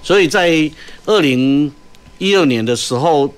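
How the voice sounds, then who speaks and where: A man with a Taiwanese Mandarin accent explains as an interview guest, in halting short phrases dotted with sentence particles. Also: fairly high pitch, lively intonation, clear, resonant tone. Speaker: guest, port company executive.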